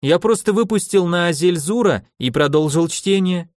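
A man doing a cheeky high-voiced youth. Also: normal speed, no echo, clean studio sound, lightly acted. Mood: cocky. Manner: insolent, teasing. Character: brash cheeky young man, a mocking upstart.

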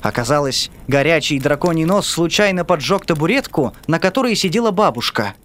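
A narrator reading a children's story aloud in an expressive, sing-song way. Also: mid-range voice, a little fast, slight background noise.

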